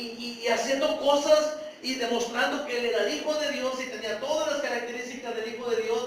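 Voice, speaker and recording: A man's voice: extremely high pitch, fairly bright tone, a little hiss or hum. A man preaching a sermon in church, earnestly asking his congregation questions. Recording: echoey church hall, mic far off.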